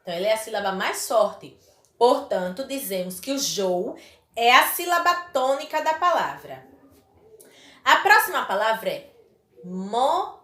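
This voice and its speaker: A woman teaching a recorded lesson to young children, drawing out words slowly and stressing syllables carefully, with a Brazilian Portuguese accent. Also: a little high, sing-song, pushed and bright, reverberant. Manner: slow, exaggerated pronunciation of syllables for young pupils. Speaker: primary school teacher.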